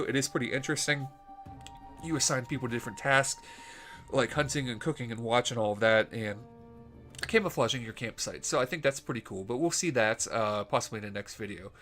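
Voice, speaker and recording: Chatty man, voice going hoarse. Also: mid-range voice, a bit bright. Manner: chatty, fillers, thinks aloud. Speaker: let's play host. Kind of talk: casual gameplay commentary reading dialogue aloud.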